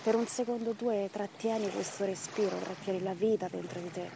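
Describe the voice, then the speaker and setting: Speaking as an instructor, a woman guides a breathing meditation in short, measured phrases and counts separated by pauses. Her medium-pitched voice is flat with some vocal fry, and the background is noisy.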